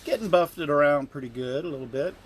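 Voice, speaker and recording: A man giving casual, halting weather commentary from inside an RV, thinking aloud as he goes. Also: fairly high pitch, a little hiss or hum, poor audio. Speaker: amateur storm watcher. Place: inside an RV during a storm.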